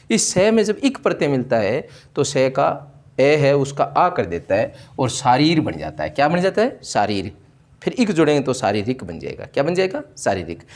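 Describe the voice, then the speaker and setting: A man teaching a spelling lesson, asking questions and then answering them by saying each word slowly. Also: on the high side. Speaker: Hindi teacher. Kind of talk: classroom-style spelling lesson.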